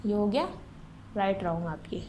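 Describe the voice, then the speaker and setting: Patient and methodical, a female teacher explains a lesson in stages, asking the class questions she then answers herself. Her mid-range voice is warm and moves at normal speed, with a touch of background noise.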